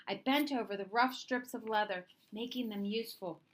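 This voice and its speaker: With a medium-pitched voice and an unhurried, moderate pace, a woman expressively reads a children's story aloud.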